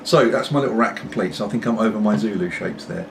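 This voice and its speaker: Pipe in mouth, a British man with a low voice chats at a quick clip to the camera from home. He's a pipe-smoking video blogger whose casual talk drifts, full of apologetic asides. Sound comes from a distant mic amid obvious noise.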